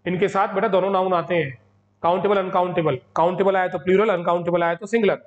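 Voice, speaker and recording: A high-voiced man teaches English grammar in a chatty, scolding way and often acts out his students. The recording is dull and lo-fi. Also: fairly even intonation, fast talker. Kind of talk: coaching lecture.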